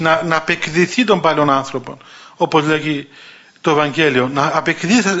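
A man's voice: fairly high pitch, sharp tone. A man preaching a sermon in a conversational storytelling manner, acting out the voices of the people in his stories. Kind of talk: sermon with anecdotes. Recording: dull lo-fi recording.

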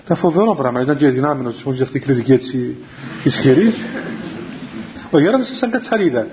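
A man's voice: mid-range voice, animated. A man, a monk, gives a spiritual talk full of anecdotes, repeating his phrases and calling his listeners children. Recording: dull lo-fi with faint background hiss.

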